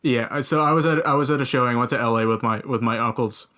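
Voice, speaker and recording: A man's voice: mid-range voice, quick pace, bright, forceful tone. A young man co-hosting a comedy podcast, telling a long story in casual chat with many restarts. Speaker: podcast co-host.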